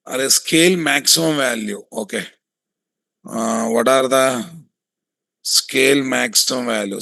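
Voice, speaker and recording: A man with a Telugu Indian accent giving a hands-on software tutorial, thinking aloud, repeating himself and often putting questions to his students. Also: mid-range voice, vocal fry, dry recording. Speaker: software testing instructor.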